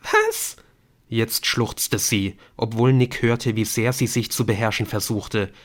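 A man reading a novel aloud as an audiobook narrator, in a slow, measured reading. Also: lowish voice, fairly even intonation.

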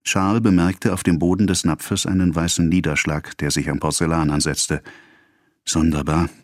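A man with a very deep voice reads a classic novel aloud, unhurried and even. The recording is close and dry, with no room sound around him. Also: dry recording. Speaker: audiobook narrator. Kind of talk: scripted narration of a classic novel.

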